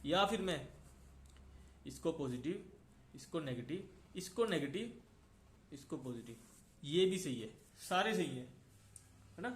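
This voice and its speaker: A man's voice: a little high, expressive, a little slow, pauses often, roomy sound, a little hiss or hum. A man teaching a physics lecture. He goes step by step and keeps checking in with his listeners. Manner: explains step by step, often checks in with "है ना". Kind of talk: classroom lecture mixing Hindi and English.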